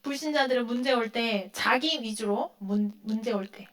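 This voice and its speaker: In a fairly high voice at normal speed, a woman gives a sermon to a group of young people. She questions her listeners before answering herself, dramatically performing the lines she quotes.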